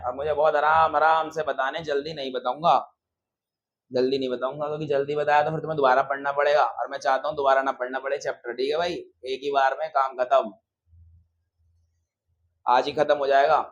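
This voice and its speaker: A man teaching a maths class in a classroom, lively, often quizzing the students and answering his own questions, calling them brother. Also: mid-range voice, brisk, dull audio. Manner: addresses students casually as brother.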